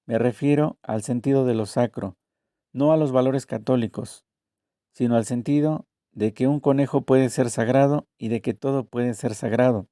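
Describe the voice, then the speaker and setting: Voicing both the questions and the answers of a translated interview, a man reads in a measured, deliberate manner. His medium-pitched voice has a dark tone, captured in a dry, studio-quality recording.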